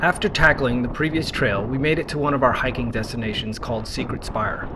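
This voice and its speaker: A man's voice: mid-range voice, a little fast, very noisy. A man narrating his outdoor travel vlog in a scripted voice-over. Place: voice-over recorded apart from the footage. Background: music.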